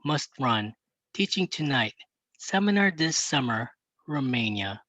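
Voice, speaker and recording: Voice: mid-range voice, very animated, a little slow, pushed and bright, no echo, exaggerated voice. A reader voicing an absent-minded older father, a math professor who speaks in short, formal, clipped packets.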